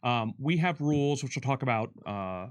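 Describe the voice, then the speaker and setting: A game developer on a livestream panel answers questions casually in a mid-range voice with lively intonation. He explains things haltingly, thinking aloud as he goes.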